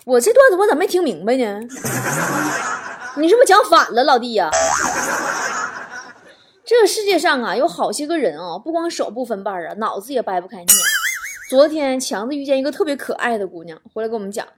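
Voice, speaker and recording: A woman talk show host, reading jokes and mocking them with a lively, teasing delivery. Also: high-pitched, fast, noisy background. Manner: lively, mocking, breaks into laughter. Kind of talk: stand-up joke reading.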